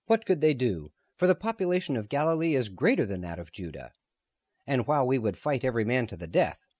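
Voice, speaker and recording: A man's voice: fairly low pitch, a little mellow, no room sound, studio quality. A man reading the part of a stern, proud elderly rabbi who speaks hotly and with defiance. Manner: hot, stern, declaiming.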